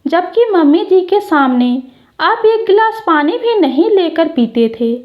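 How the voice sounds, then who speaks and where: A woman's voice: very high-pitched, sing-song, a little slow, dull audio, full character voice. A woman voicing a caring young daughter-in-law who speaks politely and hesitantly. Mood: worried, hesitant.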